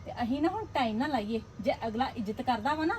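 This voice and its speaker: A woman's voice: on the high side, animated, fast talker, a little mellow, a little hiss or hum, natural voice. An actress with a Punjabi accent playing a greedy, scheming elder sister who bosses her husband in a village family drama. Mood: bossy. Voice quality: scornful, bossy. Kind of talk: Punjabi web drama acting.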